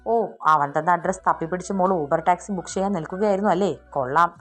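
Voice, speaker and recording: Brief: woman voicing a possessive young boss, sly and jealous, lowish tone, soft music underneath. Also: fast talker, close to an everyday voice. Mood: sly, angry.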